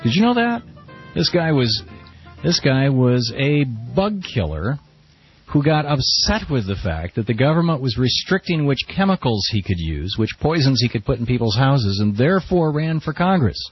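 A man's voice: medium pitch, big pitch swings, moderate pace, husky, dry recording, soft background music. An American man hosting talk radio in an emphatic, rhetorical monologue, recorded in a studio. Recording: slightly dull radio broadcast audio.

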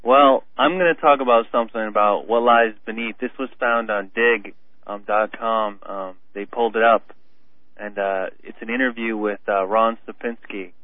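A man calling in over the phone to a radio talk show, speaking haltingly and reading a transcript aloud. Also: lowish voice, fairly even intonation, dry recording. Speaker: caller. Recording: tinny phone line, dry.

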